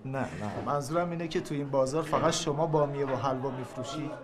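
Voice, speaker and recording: A man's voice: mid-range voice, steady tone, a crowd in the background, lightly acted. An actor playing an earnest male cleric who asks a seller patient, probing questions and brings a message.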